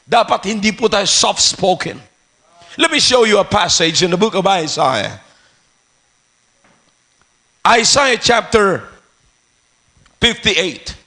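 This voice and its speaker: A man preaching with fire, his voice pitched very high and bright, with a gravelly rasp. He slides between Tagalog and English and keeps breaking into shouts on key Bible words. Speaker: pastor. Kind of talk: fiery sermon. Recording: old church recording.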